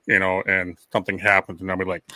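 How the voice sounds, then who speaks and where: A man's voice: low-pitched, monotone, quick pace, a crowd in the background. A man co-hosting a podcast in casual chat, joking and teasing. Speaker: podcast co-host.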